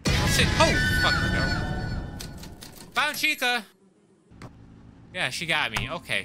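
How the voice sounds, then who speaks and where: A man giving casual commentary while he plays a horror game. He is excitable, swears when startled and talks to the characters on screen. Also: a little high, noisy background. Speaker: let's play host.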